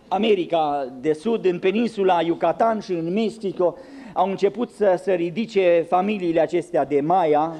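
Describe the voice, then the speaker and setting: A man's voice: high voice, dark tone. A man preaching a sermon, dramatic and ironic, acting out the voices he quotes with big swings and speaking in asides to the congregation.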